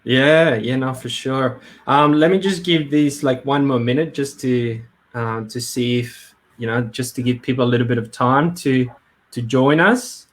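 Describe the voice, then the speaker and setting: A man's voice: mid-range voice, a little slow. A man hosting a live webinar in a casual, hesitant way, with many fillers and restarts. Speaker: webinar host. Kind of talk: casual live-stream talk. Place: Brisbane.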